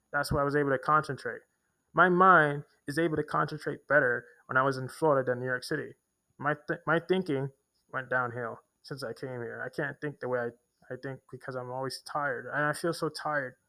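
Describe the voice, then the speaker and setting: A young man rambles through a personal story with lots of false starts and repeats. His voice is gravelly and bright, and it sits at an ordinary pitch for a man. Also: low-quality recording. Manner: rambling, repetitive, with many restarts and fillers. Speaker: vlogger. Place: homeless shelter in a big city.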